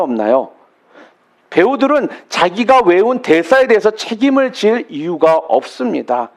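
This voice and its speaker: High, lively preaching pastor. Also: male voice. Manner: preaches with rhetorical questions to the congregation; slows and stretches key words for emphasis. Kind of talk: sermon.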